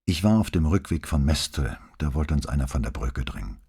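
Brief: shaken, quiet commissioner, read by a man with a dark, husky voice. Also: extremely low pitch, big pitch swings, normal speed, heavily acted. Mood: subdued. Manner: subdued, downplaying. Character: weary, shaken middle-aged police commissioner. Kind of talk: audiobook dialogue.

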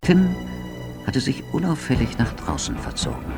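A man narrating a radio drama in a measured storytelling manner. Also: mid-range voice, huge pitch swings, gravelly. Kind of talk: scripted narration. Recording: narration over music.

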